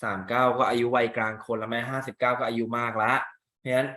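A man's voice: mid-range voice, level tone, quick pace, bright, forceful tone. A man teaching English in Thai, talking through an exam reading and putting questions to his students, with a Thai accent on English words. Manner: chatty, asks students rhetorical questions. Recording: echoey room.

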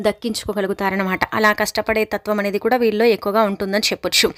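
A woman hosting an astrology channel, explaining a horoscope forecast in a conversational way with many fillers. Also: fairly high pitch. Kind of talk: horoscope prediction talk.

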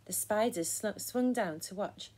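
Expressive woman reading a children's book. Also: mid-range voice, unhurried. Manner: gentle, expressive, encouraging. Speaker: storyteller for children. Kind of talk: children's picture book read-aloud.

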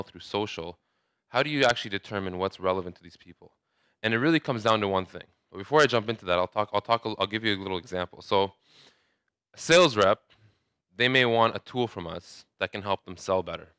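A man's voice: fairly low pitch, fairly bright tone, smooth, no room sound, studio quality. A man in his thirties from Saudi Arabia, giving a conversational conference talk with frequent restarts and fillers. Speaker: conference speaker. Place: large hotel ballroom, indoors.

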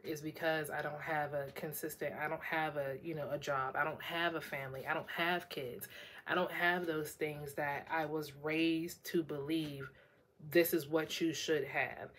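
A young woman vlogger who has been crying all morning, talking candidly and a bit ramblingly about her feelings. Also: sits low. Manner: candid, tearful and rambling, with bursts of laughter. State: worn out from crying. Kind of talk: emotional personal vlog.

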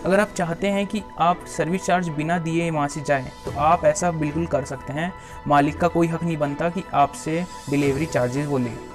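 Music sits in the background as a young Indian YouTuber teaches a topic to camera, talking to his viewers as friends. His voice is on the high side, with fairly even intonation and a normal speed. He's in a small room before a plain backdrop, using a small clip-on mic on his shirt.

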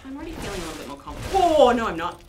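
A young woman raised in New Zealand hosts a casual let's-play, chatting, poking fun at herself, and exclaiming at the game as its music plays behind her in a small decorated room. Her voice is on the high side with a darkish tone, and she talks very fast with big swings in pitch.

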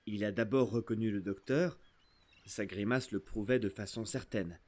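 A man's voice: lowish voice, moderate pace. Man narrating an adventure story. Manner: expressive storytelling, first-person voice of a boy. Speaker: audiobook narrator. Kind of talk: scripted narration.

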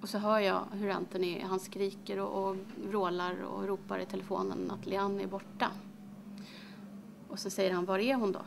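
An actress performs a dramatic monologue as a grieving middle-aged mother recalling her daughter's death, over a noisy hiss. Her mid-range voice is creaky and flat, and she speaks haltingly and hesitantly, with many pauses and fillers.

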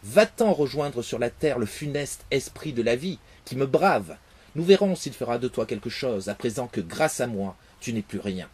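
A man's voice: medium pitch, expressive, takes it slowly, hardly any pauses, warm tone, husky. A man voicing a wrathful male king of the winds, roaring commands in a storybook reading. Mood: contemptuous.

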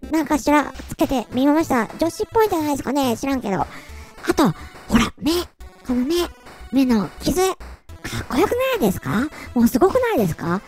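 A man's voice: very high-pitched, sing-song, brisk, darkish tone, soft background music, voice pushed up. A man using a voice changer to play a playful, girly female VTuber persona, with a synthetic, processed sound. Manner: playful, goofy outbursts.

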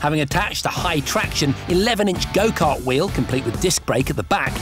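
A man's voice: fairly high pitch, expressive, brisk. A middle-aged man presenting a TV gadget show and narrating it in a playful, jokey, enthusiastic way. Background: backing music.

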